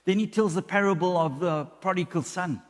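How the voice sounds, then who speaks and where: A man's voice: high-pitched, brisk. A male pastor preaching a sermon, often repeating words as he builds a point. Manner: repeats words when building a point, acts out quoted voices. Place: church hall. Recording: long church hall reverb.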